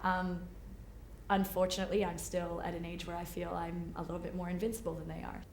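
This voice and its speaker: A woman in her late twenties giving thoughtful interview answers, pausing on fillers as she thinks. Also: fairly low pitch, little pitch movement, slight background noise. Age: 20s. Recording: roomy echo.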